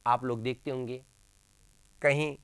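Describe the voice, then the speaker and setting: Slow, emphatic male grammar teacher. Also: mid-range voice, flat delivery, a bit bright, clear, resonant tone, no room sound. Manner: asks questions then answers them himself, repeats key terms; addresses listeners as friends, emphatic. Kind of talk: classroom lecture.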